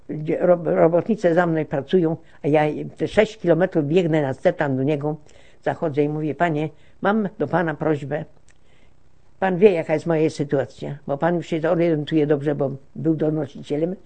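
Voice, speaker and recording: An older woman giving oral history testimony, telling her story in a lively way, acting out the dialogue and often stopping to correct herself. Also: deep voice. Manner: lively storyteller who acts out quoted dialogue; halting, with frequent self-corrections. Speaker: interviewee recounting deportation.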